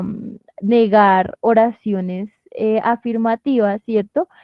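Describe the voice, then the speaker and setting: Slow, patient teacher woman. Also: a little high, no room sound, muffled recording. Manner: patient, explains step by step with frequent "¿listo?" checks. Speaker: English teacher. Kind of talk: online class. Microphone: computer mic on video call.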